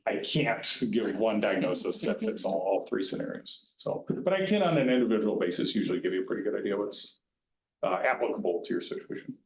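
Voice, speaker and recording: A man with a lowish voice gives an informal retirement-planning talk in a roomy meeting room with a clear echo. He speaks plainly and conversationally, restarting phrases as he goes. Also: lively intonation, brisk. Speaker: retirement plan advisor. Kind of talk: informal educational presentation. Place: county board meeting room.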